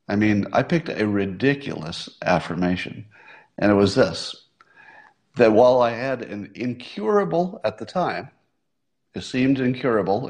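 Musing man in his sixties, lowish voice. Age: 60s. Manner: musing, conversational, self-amused. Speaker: livestream host. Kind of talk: casual monologue to an audience.

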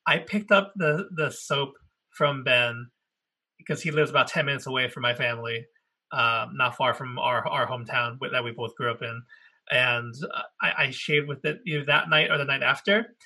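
This man's medium-pitched voice is bright and forceful with a breathy edge, and he talks at a normal pace. Co-hosting a casual podcast chat, he wanders through a story, fixes his own wording, and often breaks into laughter.

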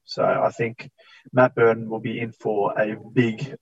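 Co-host on dull, glitchy audio. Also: male voice, on the low side, little pitch movement, a little slow, gravelly, breathy edge, no room sound. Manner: easygoing, hesitant with fillers. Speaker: podcast co-host. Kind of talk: casual sports fantasy chat. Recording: dull remote audio that turns robotic at times.

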